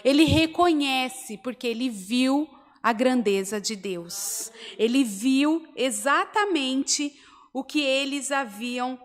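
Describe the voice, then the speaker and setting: A woman's voice: sits high, slow. Brazilian woman preaching in a reverberant hall. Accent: Brazilian Portuguese. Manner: storytelling, swells to emphatic exhortation. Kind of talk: sermon. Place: church hall, indoors. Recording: long church reverb.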